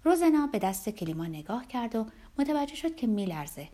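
Expressive woman narrating a novel. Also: on the high side. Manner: expressive, at times hushed to a whisper. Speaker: audiobook narrator.

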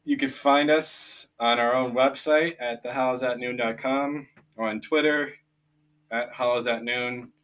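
A man co-hosting a casual podcast, easygoing, pausing often with "um" as he recommends films and plugs the show. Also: mid-range voice, fairly even intonation, fairly bright tone, clean tone. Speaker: podcast co-host. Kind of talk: casual chat.

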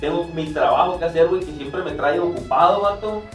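High-voiced Mexican man rambling in slang. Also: a little fast. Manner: rambling, full of slang and restarts. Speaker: podcast co-host. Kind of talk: casual banter. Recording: roomy room, far from mic, music behind.

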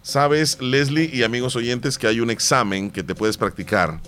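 A man with a Salvadoran Spanish accent hosting a morning radio show, reading the news and chatting casually in a relaxed way. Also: mid-range voice, normal speed, faint music behind.

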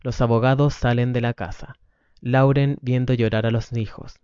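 A man's voice: mid-range voice, fairly even intonation, normal speed, darkish tone, clear, resonant tone, dry recording. A man reading a drama script aloud, giving the stage directions plainly and matter-of-factly, on a dull lo-fi recording. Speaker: script reader.

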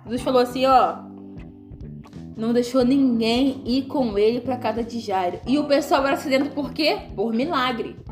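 Playful high-voiced woman. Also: normal speed, soft background music. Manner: playful, animated, acts out quotes. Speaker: co-host. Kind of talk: casual Bible study chat.

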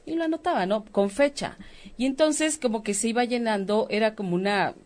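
A woman's voice: on the high side, fairly quick, darkish tone. Woman sharing a personal story. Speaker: co-host. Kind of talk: casual talk-show conversation.

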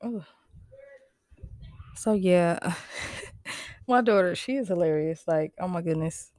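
Speaking slowly in a fairly low, slightly mellow voice, a young American woman hosts her own podcast. She's congested and stuffy, casual yet emphatic and preachy, and laughs a lot. The sound is dry and clean, studio quality.

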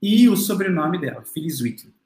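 A man's voice: sits high, expressive, moderate pace, darkish tone. A man giving a classroom lecture, explaining patiently to his listeners with many fillers and restarts. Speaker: literature lecturer. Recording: roomy echo.

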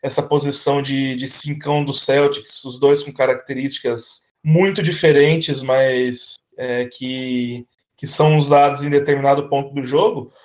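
A man co-hosting a casual sports podcast, halting and repeating words, with sarcastic remarks. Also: mid-range voice, steady tone. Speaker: podcast co-host. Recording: tinny phone-like line.

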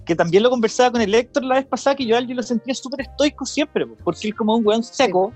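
A man's voice: very high voice, animated, quick pace, a little mellow, faint music behind. A young man with a Chilean accent hosting a casual podcast chat, rambling and correcting himself as he goes, swearing freely. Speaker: podcast host. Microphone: video call.

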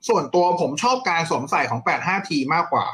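A man co-hosting a casual tech question show, explaining gadgets in detail with a relaxed manner. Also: fast. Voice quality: mid-to-high voice.

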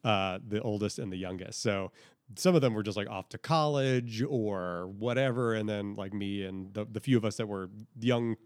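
A man in his thirties, chatting casually on a podcast, animated and rambling with many restarts. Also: fairly low pitch, normal speed, no echo, clean studio sound. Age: 30s. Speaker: podcast co-host. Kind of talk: casual chat.

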